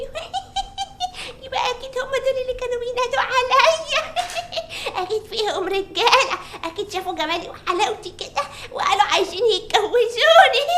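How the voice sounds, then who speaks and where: A cackling, vain old grandmother, squeaking very high and bright in Egyptian Arabic. She swings her pitch wildly as she brags. The room around her rings with echo. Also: slight background noise, full character voice. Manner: cackling, teasing, shrill. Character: vain, boastful old grandmother who thinks men want her. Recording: roomy echoey set.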